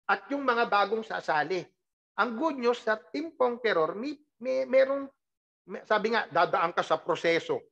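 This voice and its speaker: Network marketing team leader, motivational training talk, animated, emphatic, rhetorical questions, middle pitch, dull video call audio. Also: unhurried, gravelly. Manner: laughs often while teasing the team.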